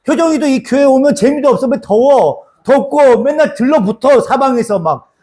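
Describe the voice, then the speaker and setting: A man's voice: very high-pitched, darkish tone. A male pastor delivering a casual, conversational sermon that is full of rhetorical questions and asks the congregation for agreement. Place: church sanctuary.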